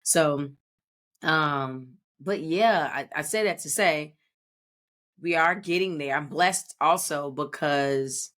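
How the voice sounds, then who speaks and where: A woman's voice: low voice, slow pace, a bit bright. A woman in her thirties co-hosting a podcast, talking in a reflective, rambling way with many restarts. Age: 30s. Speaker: podcast co-host. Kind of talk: casual podcast chat.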